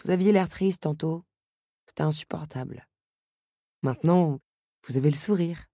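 A young duke in a storybook reading talks with dry, gentle humor, as a woman reads him. The voice sits low and husky, in a dry, close recording. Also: normal speed, no room sound. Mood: gentle reassurance. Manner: dry, teasing and earnest. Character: young duke, wry and teasing friend.

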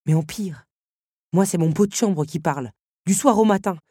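A young duke in a storybook reading talks with dry, gentle humor, as a woman reads him. The voice sits low and husky, in a dry, close recording. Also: normal speed, no room sound. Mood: confiding. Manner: dry, teasing and earnest. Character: young duke, wry and teasing friend.

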